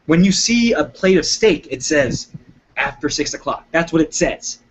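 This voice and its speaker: A man's voice: on the high side, expressive, moderate pace, muffled recording, a little hiss or hum, natural voice. A man playing an uptight, rule-obsessed roommate in an improv comedy scene, fussy and indignant. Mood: lecturing.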